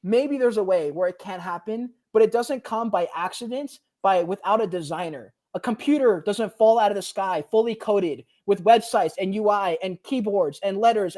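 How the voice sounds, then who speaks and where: A young man, a podcast guest, telling a personal story in casual chat, animated and slangy, acting out what people said. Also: high voice. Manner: animated, slangy, says "bro" often, acts out quotes.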